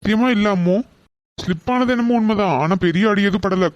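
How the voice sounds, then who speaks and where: A woman voicing a playful, teasing young woman in an animated story, speaking in a light, mischievous way. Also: mid-range voice, a little fast, dry recording, lo-fi sound, lightly acted. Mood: earnest. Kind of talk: cartoon voice acting.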